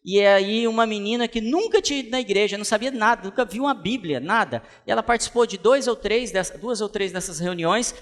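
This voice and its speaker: A pastor preaching in an animated, storytelling way, his voice pitched a bit high for a man. The sound rings with the long reverb of a large hall. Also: fairly quick, hardly any pauses. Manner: animated storytelling with acted quotes. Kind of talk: sermon.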